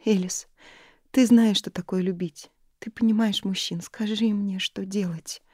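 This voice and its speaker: A woman voicing a guarded, frightened young woman in an audiobook, often speaking in a hushed, breathy whisper. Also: medium pitch, steady tone, unhurried, no echo, clean studio sound, pitched above the performer's own voice, natural voice. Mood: pleading. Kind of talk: audiobook character reading.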